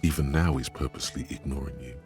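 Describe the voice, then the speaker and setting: A man's voice: a bass voice, steady tone, quick pace, a little mellow, faint music behind. A man voicing a brooding male inner voice that narrates a detective's thoughts, solemn and theatrical, from a video game.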